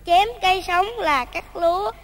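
A woman's voice: extremely high pitch, big-room sound. A cheeky clever little boy. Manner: cheeky, quick-witted.

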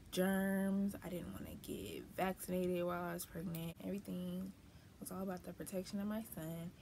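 A woman with a somewhat low voice talks candidly in a personal vlog about life as a new mother. Her delivery is chatty and expressive, full of folksy phrases and emphatic lifts. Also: a little hiss or hum. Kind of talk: personal casual vlog talk.

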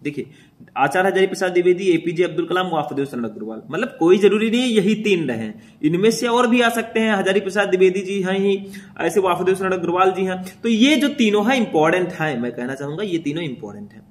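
Brisk man teaching, slightly high voice. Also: lively intonation. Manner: brisk, addresses students as brother, frequent "theek" check-ins. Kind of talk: exam paper walkthrough lesson.

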